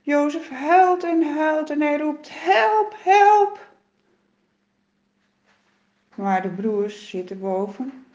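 Woman storyteller, children's Bible story, slow, expressive, roomy echo, dull lo-fi sound. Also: sits high. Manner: slow, expressive, dramatic swings.

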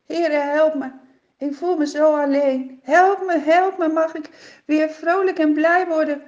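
A woman's voice: high voice, steady tone, measured pace, darkish tone, lo-fi sound, voice pushed up. A woman voicing a lonely, despairing king who pleads plaintively for help in prayer. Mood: pleading.

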